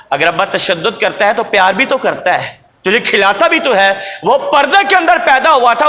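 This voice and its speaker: High-voiced man preaching in echoing hall. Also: sharp tone. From Pakistan. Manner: repetitive, emphatic storytelling. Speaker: religious preacher. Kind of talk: sermon with storytelling. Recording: long hall reverb.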